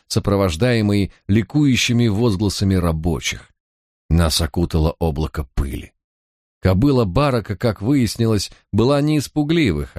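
A man with a very deep voice reads an audiobook in a measured, even first-person narration. The recording is dry and intimate, with no room sound. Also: dry recording.

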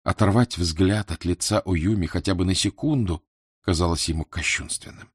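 Male audiobook narrator, measured and expressive, low pitch, husky tone. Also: no room sound, clean studio sound. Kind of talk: scripted literary narration.

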